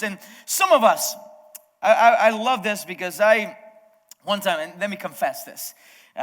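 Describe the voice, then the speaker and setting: A pastor, originally a Spanish speaker, preaches in a high, bright, forceful voice during a church service. His sermon is conversational and aimed directly at the congregation, with many restarted sentences, and the sound bounces around an echoey hall.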